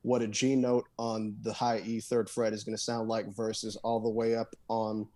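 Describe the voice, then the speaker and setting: A man's voice: fairly low pitch, monotone, moderate pace, a little mellow. Rambling, laid-back man talking shop. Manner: rambling, many fillers and restarts, says "dude". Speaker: guest guitarist and songwriter. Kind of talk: casual podcast conversation.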